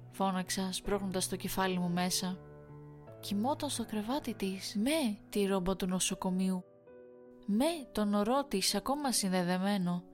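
A woman reading a first-person horror story aloud in a measured, suspenseful storytelling manner. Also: mid-range voice, darkish tone. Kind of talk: scripted horror story narration.

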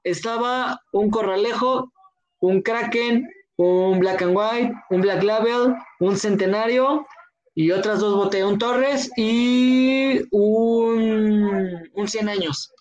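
Mexican man, high voice, casual slangy storyteller who voices the people in his tale. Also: takes it slowly, dull audio. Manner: slangy, relaxed, acts out the lines of people in the story. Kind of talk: casual chat, telling a drinking anecdote.

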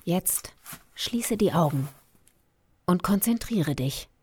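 A woman playing a hushed, secretive young witch-lore collector. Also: lowish voice, takes it slowly, breathy edge, heavily acted. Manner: hushed, calm, instructive, often whispering. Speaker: Kathy. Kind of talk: German horror audio drama acting.

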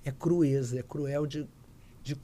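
An older actress being interviewed, telling anecdotes in a lively way and acting out the voices of the people she quotes. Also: rumbling low, takes it slowly, slight background noise. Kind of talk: casual interview storytelling.

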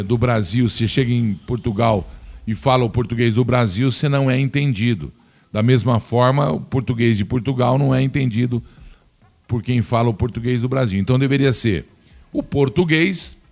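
A man's voice: mid-range voice, creaky. Indignant Brazilian man ranting about politics. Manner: indignant, scornful, addresses listener directly. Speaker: political commentator. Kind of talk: opinionated political commentary.

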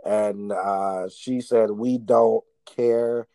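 A man's voice: fairly low pitch, steady tone, very slow, mellow, no echo. A man hosting an interview, chatty and encouraging toward his guest. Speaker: interview host. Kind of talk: casual interview chat.

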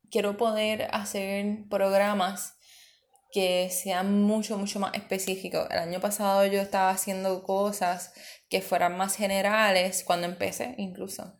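A woman hosting a casual solo podcast, chatting and slipping English words into her talk. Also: mid-range voice. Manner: chatty, mixes in English words, many fillers. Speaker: podcast host and coach.

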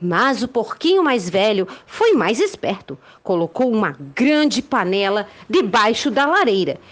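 A Brazilian woman telling a story to children in the expressive manner of a kids show host. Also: medium pitch, a little slow.

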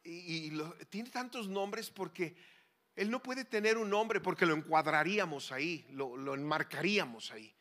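A man preaching a sermon as a pastor, swinging between loud pleading cries and hushed, low asides. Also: normal speed. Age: 40s or older.

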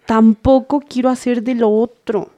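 A woman's voice: on the high side, steady tone, measured pace, mellow, dry recording, natural voice. A woman playing a nervous, fidgety young daughter, whining and pleading in a comedy sketch. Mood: whiny.

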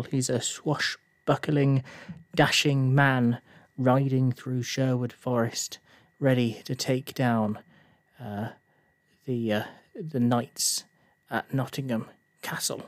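A man's voice: mid-range voice, no room sound. A man talks through a film review for his podcast in a mid-range voice. His delivery is casual and full of small hesitations and fillers, and it can get worked up into a rant. The recording is dry and close, with no room sound. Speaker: podcast host.

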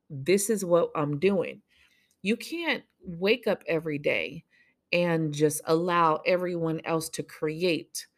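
A woman hosting a podcast, giving a casual motivational monologue in a blunt, profane, animated way. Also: low-pitched. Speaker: podcast host.

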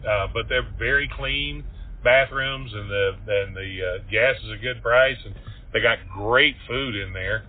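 A man's voice: medium pitch, a little slow, narrow, tinny audio. A man with an Appalachian Southern accent chatting in a folksy, colloquial way as a comedy podcast host. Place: car on the road.

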